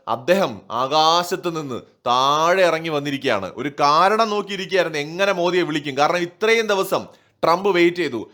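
A man whose voice sits high and sounds fairly bright gives opinionated political commentary for an online news outlet. He speaks emphatically and rhetorically, answering the very questions he poses.

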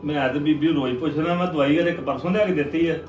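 Man acting fast-talking Punjabi husband, distant. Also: a little high, a little mellow, natural voice. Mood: casual, placating. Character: easygoing husband and brother, mildly defensive. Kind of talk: amateur family skit acting. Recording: echoey, distant, faint noise.

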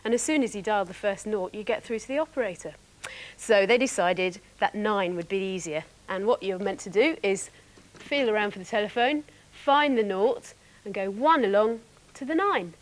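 A young woman presenting a children's TV programme, explaining things clearly and brightly to young viewers. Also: medium pitch, moderate pace.

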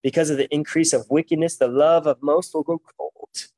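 Young male preacher, high voice, dry sound, emphatic and deliberate as he reads and expounds scripture. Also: steady tone, a little mellow, no room sound. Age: young adult. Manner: emphatic, deliberate public delivery from a lectern. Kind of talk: sermon with scripture reading. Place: meeting room, standing at a lectern.

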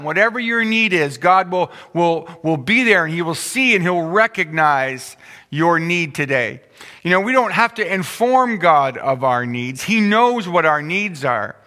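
A middle-aged male pastor with a bright, slightly high voice, speaking earnestly and pausing often on "uh" and "um". He stands at a pulpit on a church stage, and his words ring out with a long hall reverb. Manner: earnest, many "uh" and "um" pauses. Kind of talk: church service prayer announcements.

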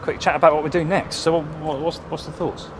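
A man's voice: on the high side, fairly even intonation, quick pace, background noise. A man hosting a car road-trip vlog, upbeat and enthusiastic in casual chat outdoors. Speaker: vlogger. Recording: music playing underneath.

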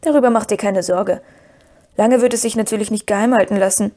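A woman reading the part of Merry, a calm and knowing young male hobbit who speaks with quiet decisiveness. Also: medium pitch, brisk, natural voice. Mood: reassuring.

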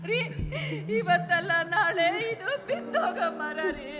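A woman's voice: very high voice, animated, measured pace, roomy sound, over loud music. A woman playing a devoted, tearful mother and wife in a village stage melodrama, declaiming and repeating her lines. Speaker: stage actor.

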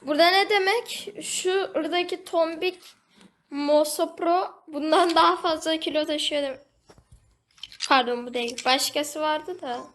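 A woman's voice: high-pitched, a little slow, a bit bright. A woman giving casual, chatty commentary over her gameplay, talking to the game animal and to her viewers. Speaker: gaming video host.

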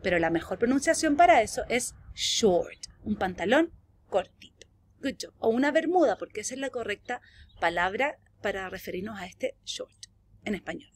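Lively Chilean woman teaching young kids. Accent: Chilean Spanish. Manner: slow, drawn-out model phrases with lively pitch swings. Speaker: English teacher. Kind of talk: virtual classroom lesson for young children.

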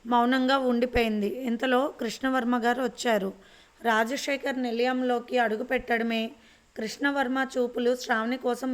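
A woman narrating a serial romance story in a steady, even reading. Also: fairly high pitch.

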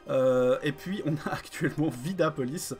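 A man's voice: a little high, normal speed, a little mellow, soft background music. Hesitant man streaming a strategy game. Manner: hesitant, many fillers, greets chat viewers. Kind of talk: live strategy game commentary.

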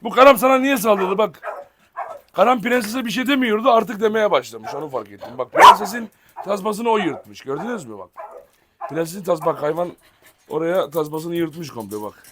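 A man with a high, animated voice walks through a farm, calling his dogs over and chatting to his viewers. Loud noise and barking dogs fill the background of this outdoor recording. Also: normal speed. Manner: coaxing dogs, addressing viewers. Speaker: dog breeder vlogger. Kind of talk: casual farm vlog talking to dogs. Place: outdoor farm with dog cages.

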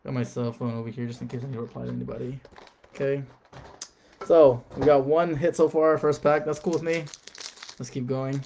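A man's voice: medium pitch, flat delivery, a little fast, gravelly, warm tone, a little hiss or hum. A man chatting casually on a live stream, reading out card names and talking to viewers.

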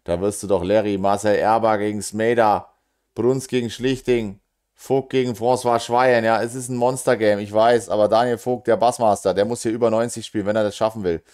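A man's voice: on the low side, fairly even intonation, a little mellow. A German man giving live darts commentary: casual, joking, groaning over near misses and talking straight to his audience. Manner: talks fast and casual with quick asides to the audience.

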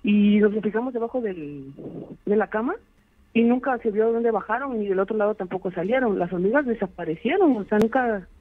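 A man's voice: high-pitched, lively intonation, fairly quick. Caller: man, rambling storyteller, heard through a tinny phone line. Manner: rambling, many "este" fillers. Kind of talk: telling a true scary story.

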